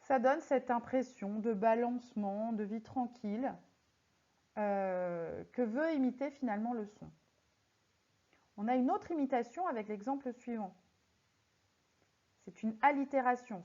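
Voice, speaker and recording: A fairly high-voiced woman teaching a lesson, pausing to tap out syllables one at a time. She speaks in a slow, deliberate way that makes each word stand out. The recording sounds slightly dull and lo-fi. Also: dark tone. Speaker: French teacher. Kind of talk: recorded lesson correcting exercises. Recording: slightly muffled lo-fi audio.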